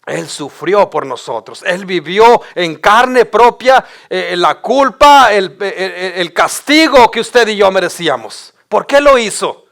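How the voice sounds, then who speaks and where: A man's voice: sits high, animated, slow, gravelly, a bit bright. A male pastor, preaching an impassioned sermon and stammering over repeated words as he builds his points.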